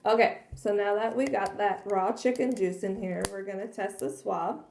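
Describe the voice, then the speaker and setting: A woman demonstrating cleaning cloths in a casual, earnest way, a little hoarse from losing her voice. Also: mid-range voice, moderate pace, darkish tone, slight background noise. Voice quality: frequent throat clearing and coughs. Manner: chatty, earnest, many fillers. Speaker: product demonstrator. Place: kitchen at home. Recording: echoey room.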